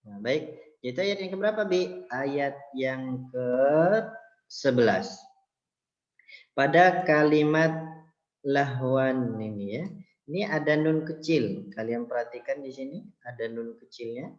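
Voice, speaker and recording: A man's voice: mid-range voice, animated, unhurried, pauses often. A man teaching how to recite the Quran, explaining patiently and calling his listeners children, with chanted verses in between. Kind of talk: tajwid lesson with chanted recitation. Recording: roomy, dull lo-fi sound.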